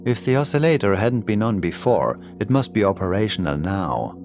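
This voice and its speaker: A man with a fairly low, expressive voice reads at a normal pace, narrating a scripted horror story in a dramatic, ominous style. Creepy music and sound effects play behind him.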